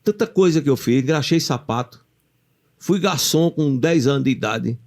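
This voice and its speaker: A man's voice: mid-range voice, normal speed. A man with a Brazilian Portuguese accent co-hosting a motivational podcast, telling stories and asking rhetorical questions in casual chat. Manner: animated storyteller, rhetorical questions. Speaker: podcast co-host.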